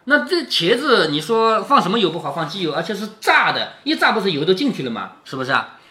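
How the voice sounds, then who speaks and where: Dad reading an old novel to his kid, explains everything, keeps asking right?, super lively bright voice. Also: sits high, quick pace, reverberant. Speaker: father reading a classic novel to his daughter. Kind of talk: reading aloud with commentary.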